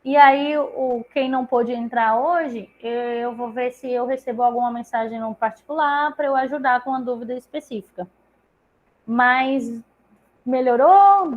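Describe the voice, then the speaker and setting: A woman walks parents through reading activities. She talks chattily, piling up examples and tagging her points with quick questions to keep them with her. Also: a little high, phone-quality sound. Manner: chatty, explains with examples, many tag questions. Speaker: literacy tutor leading a parent meeting. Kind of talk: online group session, casual explanation.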